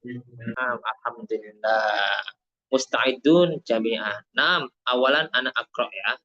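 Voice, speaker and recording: A Javanese-accented teacher from Indonesia gives an online Arabic lesson at medium pitch, his voice pushed and bright. Mixing Arabic with Indonesian, he repeats material slowly to make it clear, and the recording is muffled.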